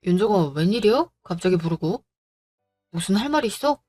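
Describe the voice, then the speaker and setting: A woman voicing a gentle, earnest young man in a drama, speaking apologetically to his fiancée. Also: mid-range voice, expressive, fairly quick, husky, faint music behind. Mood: worried. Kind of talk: Korean audio drama acting.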